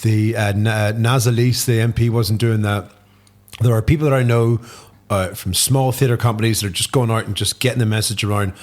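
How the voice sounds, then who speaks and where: A man with a Northern Irish accent, a podcast guest telling stories in casual chat, animated, swearing freely and laughing often. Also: on the low side, a little fast. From Northern Ireland.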